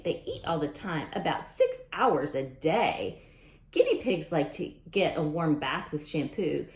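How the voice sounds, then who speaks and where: A teacher reads a picture book aloud during storytime, animated and expressive, speaking directly to the young children with chatty asides. Her pitch is fairly low, and the sound is roomy.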